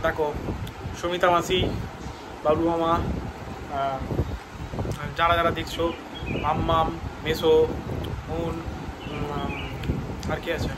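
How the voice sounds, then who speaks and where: Chatty high-voiced young man vlogging. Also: level tone, slow, long pauses, heavy background noise. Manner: chatty, teasing, pleading with his mother. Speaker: family vlogger. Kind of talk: casual vlog chat to camera.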